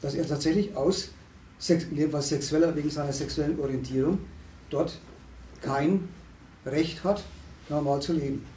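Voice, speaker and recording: A man holding forth in a discussion, halting and restarting often, with emphatic rises. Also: a little high, warm tone. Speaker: speaker at a discussion on asylum. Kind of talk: lecturing discussion talk. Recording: echoey room, distant mic, faint noise.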